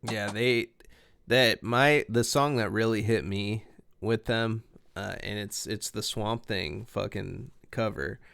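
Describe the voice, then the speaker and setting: Gravelly laid-back guy on a podcast. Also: on the low side, fairly even intonation, slow pace, a bit bright, no room sound. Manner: laid-back, laughs easily, swears. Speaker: podcast guest. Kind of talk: casual podcast chat.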